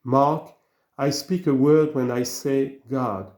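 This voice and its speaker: A man giving a slow, earnest reading of an old sermon, full of rhetorical questions. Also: medium pitch, steady tone, a little mellow, roomy sound. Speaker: reader of sermons.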